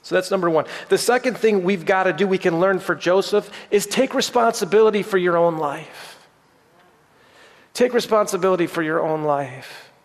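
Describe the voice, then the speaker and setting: A man's voice: sits high, moderate pace. A middle-aged man preaching a sermon as pastor, earnest and repeating phrases for emphasis. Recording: long hall reverb.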